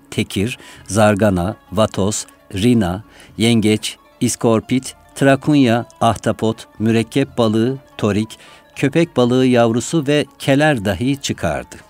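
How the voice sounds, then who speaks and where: Male narrator, middle-pitched voice, literary reading, measured pace, soft background music. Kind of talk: literary reading of a memoir-style text. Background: faint music.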